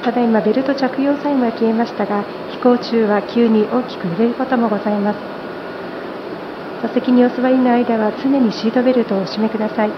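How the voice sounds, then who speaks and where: A woman flight attendant making a polite, formal plane cabin announcement over the cabin loudspeaker. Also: fairly high pitch, fairly even intonation, very fast, lo-fi sound, background noise. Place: airplane cabin.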